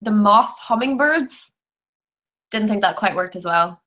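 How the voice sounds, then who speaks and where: This book club panelist has a mid-range voice with lively intonation and a sharp edge, and she takes her time. Joining a video call from her bedroom through the computer mic, she chats about books in a frank, casual way, leaning heavily on the filler "like".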